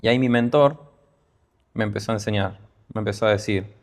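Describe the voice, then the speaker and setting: A man's voice: lowish voice, fairly quick. A Peruvian-born man with a Rioplatense Spanish accent, a guest telling his business story in a casual interview, full of fillers and restarts. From Peru. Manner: hesitant, many fillers and restarts. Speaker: guest entrepreneur.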